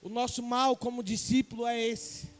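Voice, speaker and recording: A man from Brazil preaching a sermon as an evangelist, swinging from loud to hushed and questioning the congregation. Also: very high-pitched, little pitch movement, moderate pace. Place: church sanctuary. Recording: long church reverb.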